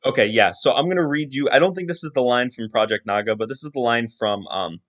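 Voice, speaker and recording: A man's voice: mid-range voice, fast, a bit bright. A man hosting a casual solo podcast, rambling through his thoughts with lots of restarts and asides. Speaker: podcast host.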